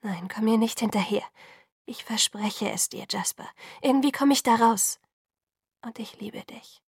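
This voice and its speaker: A woman's voice: a little high, fairly quick, darkish tone, slightly rough, no room sound, studio quality, voice pushed up. A woman voicing an anxious young woman who speaks urgently and often drops to a whisper. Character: anxious young woman pleading in hushed tones.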